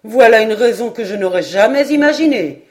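A woman voicing an eager, absent-minded male French geographer who talks in lively, emphatic exclamations in an audiobook. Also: medium pitch, measured pace, close to an everyday voice. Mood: excited.

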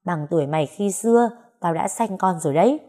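A woman voicing a stout, fierce older village woman with a gruff deep voice and a domineering manner. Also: animated, brisk, dark tone.

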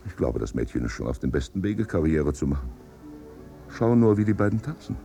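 A dry ironic gentleman. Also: rumbling low, sing-song, a little fast, soft background music, exaggerated voice. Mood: wry. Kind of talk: 1950s radio drama acting.

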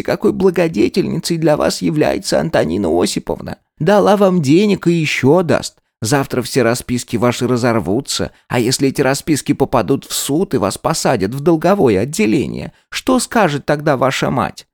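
A man's voice: fairly high pitch, sing-song, normal speed, vocal fry, hardly any pauses, a little mellow, no room sound, studio quality, pitched above the performer's own voice, exaggerated voice. A man doing a sugary, cloying old aunt. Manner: sweet, cloying, persuasive. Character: older aunt, sugary and persuasive.

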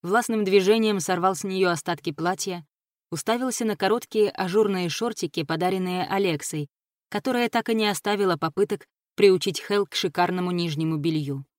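Brief: female audiobook narrator, steady even read, dry studio sound. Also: lowish voice, a little fast, dry recording.

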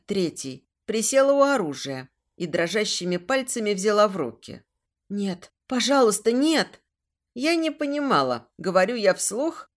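A woman reading a first-person fantasy audiobook in an expressive, tense storytelling manner. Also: medium pitch. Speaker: audiobook reader.

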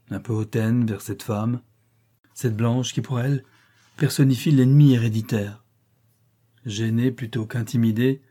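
Male audiobook narrator, husky, dark, measured delivery. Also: mid-range voice. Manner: measured, dramatic reading.

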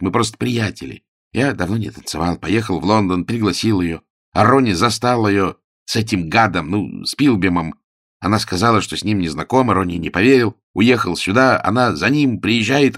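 A man's voice: on the low side, no echo. A man voicing a gloomy, sardonic young man who talks in a dry, bitter, sulky way.

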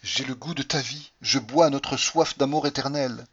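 A man reading aloud and voicing a composed, formal English gentleman who speaks calmly and deliberately, husky-voiced. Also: medium pitch. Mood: impassioned. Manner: calm, unflappable, formal. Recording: dull lo-fi recording.

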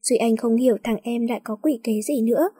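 Husky, mellow woman narrating a story. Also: a little high, fast talker. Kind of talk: storybook reading.

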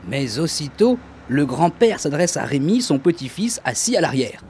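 A man's voice: on the high side, big pitch swings, moderate pace, darkish tone, slight background noise. A man hosting a radio show, delivering scripted comic narration in a wry, mock-solemn way. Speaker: radio host. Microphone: studio microphone.

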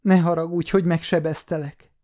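A man's voice: fairly high pitch, sing-song, darkish tone, pitched above the performer's own voice. A man voicing a frightened little girl of about ten, sobbing and pleading in an audiobook.

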